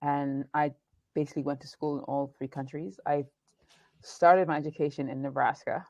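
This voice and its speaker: A woman's voice: low-pitched, steady tone, moderate pace, darkish tone, dry recording, muffled recording. A woman in her forties, raised across three countries, giving thoughtful and earnest interview answers. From Nigeria, England and the United States. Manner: thoughtful, restarts sentences, earnest. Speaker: guest, documentary producer and speaker.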